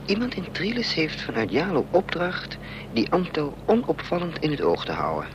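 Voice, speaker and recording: In a Dutch radio play, an actor voices the protagonist and narrator, an anxious, scheming adventurer who mutters and hesitates while thinking aloud in a brooding, urgent mood. His voice is on the high side and very animated at a moderate pace, and the noisy old recording has a vehicle drone with the highs cut off.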